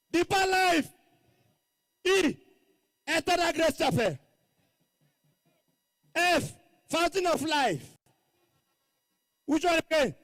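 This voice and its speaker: A man's voice: very high voice, fairly bright tone, no room sound. A Nigerian man giving a rally speech as master of ceremonies, calling out to the crowd from the stage in repeated phrases and slipping into Pidgin.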